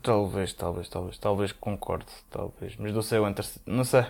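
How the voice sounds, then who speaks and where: A man's voice: fairly low pitch, normal speed, gravelly, darkish tone, slight background noise. A man with a European Portuguese accent, co-hosting a podcast in casual, rambling chat with many fillers. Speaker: podcast co-host.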